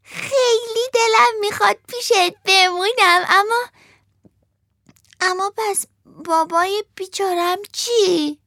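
A woman voicing an eager, fibbing wooden puppet boy in a high childlike voice for a storybook reading. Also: bright, forceful tone, no room sound, clean studio sound, full character voice. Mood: pleading.

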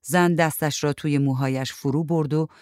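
A woman reading a short story aloud in a calm, even narrating voice. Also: low voice, dry recording, clean studio sound.

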